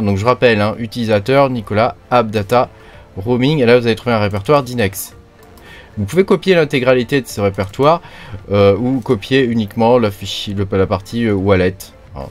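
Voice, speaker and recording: A man hosting a casual screen-recorded tutorial, rambling and chatty with many fillers, recorded close on a desktop mic. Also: fairly low pitch. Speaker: crypto tutorial host.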